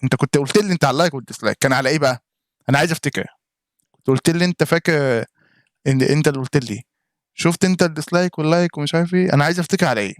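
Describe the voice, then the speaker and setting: A man's voice: a little high, racing, no echo, clean studio sound. A man with an Egyptian Arabic accent giving casual reaction commentary on a gaming live stream, chatting straight to viewers in chat by name.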